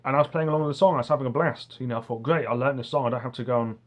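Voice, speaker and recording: A man of medium pitch chats to camera in an earnest, enthusiastic way. He pronounces his R softly, closer to a W, and rambles along like an online music teacher sharing advice. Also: fairly even intonation, racing. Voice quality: soft R sounds, says w for r. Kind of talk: casual talk to camera.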